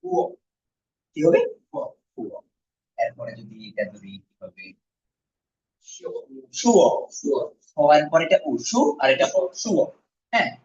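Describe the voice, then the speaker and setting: A man teaching a basic language class who says sounds slowly and clearly, then has the students repeat them. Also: fairly high pitch, wildly swooping pitch, darkish tone. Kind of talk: classroom lesson. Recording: echoey room, distant muffled mic.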